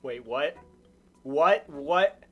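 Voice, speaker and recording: A woman giving casual live game commentary as a streamer, excitable, swinging between muttered asides and loud shrieks. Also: low-pitched, extremely slow, breathy edge, lo-fi sound, soft background music.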